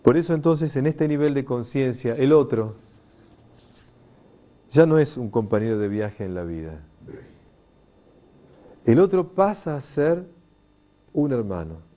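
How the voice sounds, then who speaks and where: A middle-aged man teaches before an audience in an emphatic, lively lecturing manner. His voice is dark and mellow, and he slips into the voices of the people he quotes. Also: medium pitch, unhurried, pauses often. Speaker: lecturer on consciousness.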